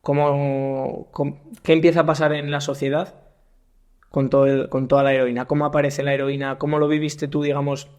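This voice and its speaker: A young man from Spain hosting a podcast and interviewing a guest in casual conversation, often pausing and repeating words as he asks his questions. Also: fairly high pitch, little pitch movement, a little mellow, clear, resonant tone. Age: young adult. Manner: hesitant, repeats words while asking questions. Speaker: podcast host.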